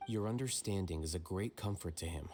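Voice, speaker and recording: A man playing a calm, level-headed young scholar in a game, speaking in a measured, composed way. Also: low-pitched, a little hiss or hum, close to an everyday voice. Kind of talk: scripted game voice acting.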